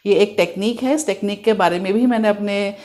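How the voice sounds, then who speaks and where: A woman with an Indian accent giving spiritual guidance, mixing Hindi and English, dropping to a slow soft hush for repeated prayer phrases. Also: medium pitch. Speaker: spiritual healer.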